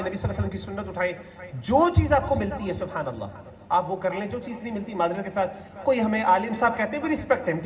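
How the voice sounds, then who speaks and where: Animated man speaking in a hall. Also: high voice. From Pakistan. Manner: animated storytelling with asides and jokes. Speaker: guest speaker. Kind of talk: motivational religious talk. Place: university hall. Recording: distant mic in reverberant hall.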